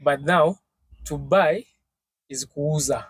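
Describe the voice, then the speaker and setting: A young man from Congo speaks, his voice sitting a little high. He talks in a casual, halting way, often restarting his phrases and mixing in Swahili words. The sound is dry and close to the mic. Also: breathy edge, no room sound. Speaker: podcast guest. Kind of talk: casual interview storytelling.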